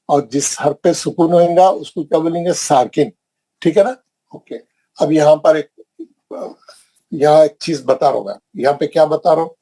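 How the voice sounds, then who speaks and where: A man's voice: fairly high pitch, mellow, breathy edge, rough recording. A man teaching an online Quran recitation class, repeating points and quizzing his students. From India. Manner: repetitive, questioning, drilling the class.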